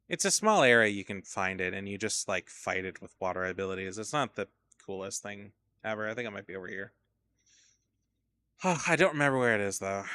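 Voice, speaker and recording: A man's voice: fairly low pitch, pushed and bright. A man casually commentating his gameplay on a stream, rambling and swearing, getting tired as he plays. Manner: rambling, profane, drowsy asides. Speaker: game streamer.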